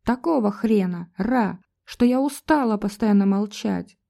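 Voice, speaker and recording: A woman voicing a young homeless woman, defiant and frightened, who shouts and pleads with a strained, breaking voice. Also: medium pitch, measured pace, vocal fry. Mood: angry.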